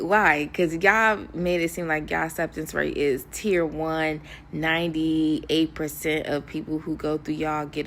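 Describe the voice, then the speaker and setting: A woman's voice: deep voice, gravelly, slight background noise. A young woman in a candid personal vlog, talking to her viewers in a rambling way, stressed and close to tears. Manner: candid, talks to viewers as "y'all", rambling with fillers. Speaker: vlogger.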